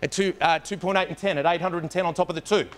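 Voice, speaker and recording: High-pitched, rapid-fire male auctioneer. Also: steady tone. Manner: repetitive rapid-fire chant of bid figures; urging, addressing the room directly. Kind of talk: live auction bid calling.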